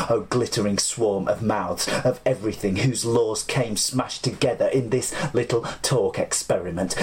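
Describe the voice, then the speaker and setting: A man's voice: lowish voice, darkish tone. A man reciting fragmented, surreal spoken-word poetry in an incantatory way, breaking off to correct himself.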